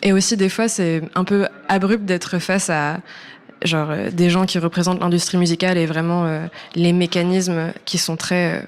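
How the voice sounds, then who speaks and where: A woman in her early twenties with a lowish voice, a steady tone and a moderate pace chats casually as a guest on a radio interview. She's a native English speaker, a musician and singer born in New York and French-American. Her talk is hesitant and informal, often trailing off.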